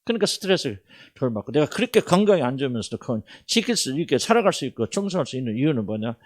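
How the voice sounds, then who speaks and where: A middle-aged man preaching a sermon as senior pastor, asking the congregation questions and swinging from loud to soft. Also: mid-range voice, very animated, racing.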